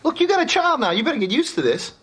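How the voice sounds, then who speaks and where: A man's voice: very high-pitched, big pitch swings, fast talker, heavy background noise. An actor playing a blunt, know-it-all family man who lectures a friend on parenting. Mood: lecturing. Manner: blunt, lecturing, laid-back. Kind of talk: sitcom acting.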